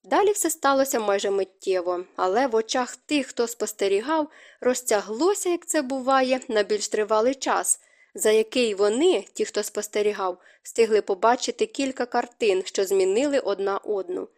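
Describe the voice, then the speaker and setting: Audiobook narrator, woman, a touch high-pitched, expressive reading. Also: moderate pace. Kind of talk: scripted narration.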